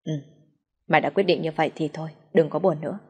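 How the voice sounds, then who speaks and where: A woman reading the lines of a blunt, caring young female friend who talks in a brisk, bossy way. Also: sits low, steady tone, slightly rough, big-room sound.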